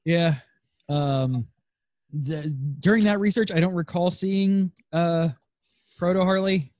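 A man co-hosting a podcast in casual chat, excitable and swearing, laughing often. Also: high voice, takes it slowly, dry recording, studio quality. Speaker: podcast co-host.

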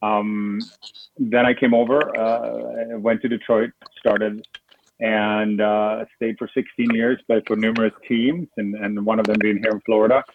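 A man's voice: on the low side, level tone, a little slow. A middle-aged man from Sweden, chatting as a guest in an interview and rambling with many fillers and restarts. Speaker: guest, foundation founder. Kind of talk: casual interview over a call. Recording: tinny phone-like line with noise.

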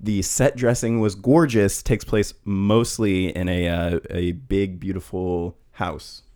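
Lowish-voiced guy hosting a podcast quiz, keeps cracking up, reads old quotes out. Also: little pitch movement, takes it slowly, darkish tone. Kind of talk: casual chat.

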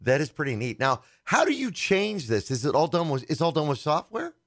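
Lively, joking man hosting radio. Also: fairly high pitch, brisk, no room sound, clean studio sound. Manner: joking, laughs easily, stammers on restarts. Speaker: radio show host. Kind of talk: casual radio talk.

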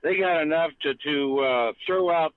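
A man's voice: a little high, moderate pace, dry recording. A man calling in to a radio show, rambling emphatically and restarting his sentences. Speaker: caller. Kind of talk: call-in political rant. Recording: tinny phone line.

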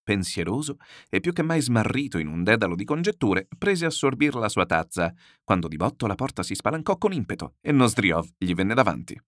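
A male narrator reads a novel aloud in a theatrical, animated way. His voice sits lowish but moves a lot. The recording is dry and close. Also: fairly quick, hardly any pauses, no echo. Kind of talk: expressive audiobook reading.

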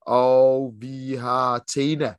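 A Danish man co-hosting a podcast in casual chat, excitable and swearing freely as he gushes about comic lore. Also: medium pitch, clear, resonant tone, no echo, clean studio sound. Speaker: podcast co-host.

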